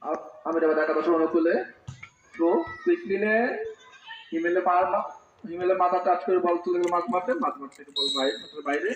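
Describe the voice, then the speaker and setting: A man giving live, excitable football commentary that can burst into shouts. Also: high voice, a little fast, slight background noise. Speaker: football commentator at a local tournament. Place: outdoor football ground. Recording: dull, echoey PA-like sound, crowd behind.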